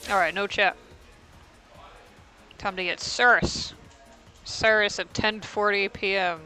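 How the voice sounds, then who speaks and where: A man calls a fighting game match in a loose, rambling way, talking through what he sees and joking about himself. His voice sits high for a man and sounds bright and forward. Music plays faintly underneath. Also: fairly even intonation, slow pace, poor audio. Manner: rambling, self-deprecating, thinks aloud. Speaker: tournament commentator. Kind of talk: casual esports commentary.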